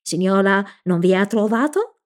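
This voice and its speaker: A woman voicing a small, smiling, indifferent male house servant who speaks in slow, broken, clipped phrases. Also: high-pitched, lively intonation. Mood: startled. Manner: broken halting speech, swaps r for l.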